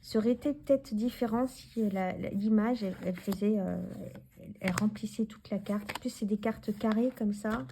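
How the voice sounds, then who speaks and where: A woman in her forties from France talks casually through her tarot decks, with a warm, mellow voice. She rambles and restarts her sentences, speaking straight to the viewer. Faint noise sits behind her. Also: mid-range voice, moderate pace. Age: 40s. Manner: chatty, rambling, many fillers and restarts; talks to the viewer directly, handling cards. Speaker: tarot YouTuber. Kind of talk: casual deck review vlog.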